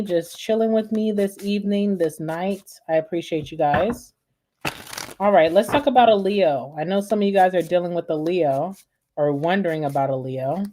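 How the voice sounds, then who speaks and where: Warm, low-voiced woman, chatty tarot reader talking to viewers. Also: slight background noise. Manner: chatty, addresses viewers as guys and y'all. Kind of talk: casual tarot reading to viewers.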